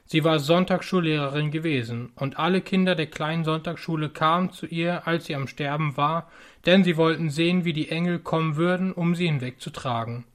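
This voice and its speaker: Man, preacher, earnest warning sermon, slightly high voice. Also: a little fast.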